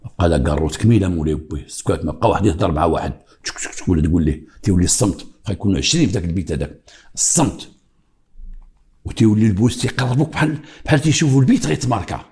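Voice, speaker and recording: An older man with a Moroccan accent tells a true crime story in a quick, rushing delivery. His voice sits low. He builds tension with sudden hushes and imitated heartbeats. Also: expressive. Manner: dramatic, mimics heartbeats and pauses. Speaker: retired police investigator.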